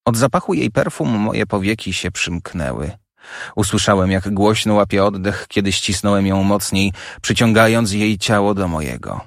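Gravelly man narrating a dark audiobook. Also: on the low side, expressive, normal speed, no echo, clean studio sound. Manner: dramatic, intense storytelling. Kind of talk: first-person audiobook narration.

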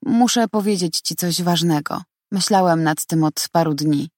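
A man's voice: a little high, moderate pace, dry recording, studio quality, close to an everyday voice. Woman reading as a cold, detached young man. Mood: curt. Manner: flat, icy and firm. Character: cold, detached young male fiancé, a lecturer. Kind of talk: audiobook character reading.

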